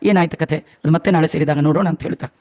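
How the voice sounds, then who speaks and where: A man giving a devotional sermon as a storyteller, animated and asking his listeners rhetorical questions. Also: a little high, fast talker. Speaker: religious discourse speaker.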